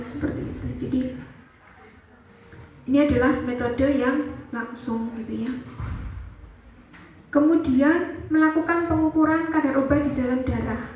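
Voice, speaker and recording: A woman's voice: high voice, darkish tone. A middle-aged woman, explaining a university lecture and often adding little filler tags. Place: lecture room. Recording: far-off echoey, dull classroom recording.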